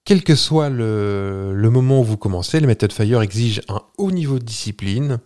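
A man's voice: lowish voice, animated, moderate pace, mellow. A man co-hosting a podcast, explaining a topic in a chatty, jokey way with fillers and restarts. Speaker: podcast co-host. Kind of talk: casual chat.

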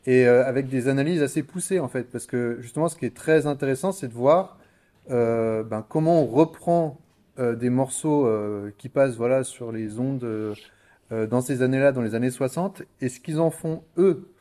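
A man's voice: medium pitch, moderate pace, dark tone. A man conducting an interview, speaking casually with many filler sounds. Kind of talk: radio interview.

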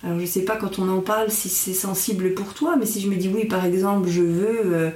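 A woman speaking as an instructor in an interview, explaining things in a reflective, halting way as she searches for her words. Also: medium pitch, steady tone, darkish tone. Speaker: mindfulness instructor and guest. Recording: echoey room, distant from microphone.

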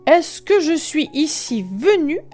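A woman reading a storybook, voicing a rude, proud young woman with a loud, scornful manner. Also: fairly high pitch, steady tone, measured pace, clean tone, faint music behind, close to an everyday voice.

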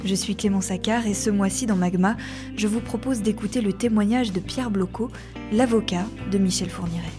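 A woman's voice: mid-range voice, moderate pace. Woman narrating true crime over music. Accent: metropolitan French. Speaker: podcast host. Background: background music.

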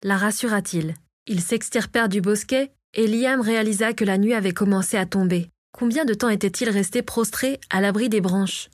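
A woman's voice: medium pitch, normal speed, hardly any pauses, no echo. Woman reading a storybook aloud, dry sound. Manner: reads all characters herself, lightly varying her voice. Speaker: audiobook narrator. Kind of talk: scripted storybook narration.

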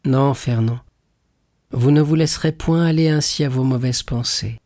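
Reading a storybook aloud, a man voices a passionate, loyal young fiancée who pleads fervently and tearfully in an earnest mood. His mid-range voice, close to an everyday one but pushed up, is a little mellow at a moderate pace, recorded cleanly in a studio with no echo.

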